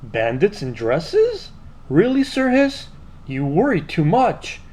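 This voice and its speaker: A man's voice: on the high side, unhurried, darkish tone, close to an everyday voice. A man voicing a vain, greedy, short-tempered prince in a pompous, theatrical children's storybook manner. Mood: dismissive.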